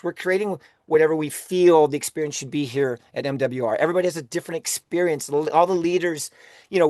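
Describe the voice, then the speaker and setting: A man's voice: on the high side, dry recording, clean studio sound. A man hosting a motivational team call, enthusiastic and often laughing, restarting his words as he goes. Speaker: host of a weekly team call.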